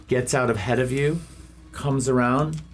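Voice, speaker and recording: A man improvising narration as game master of a tabletop game, in descriptive, stop-start phrases with dramatic pauses. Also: medium pitch, fairly even intonation.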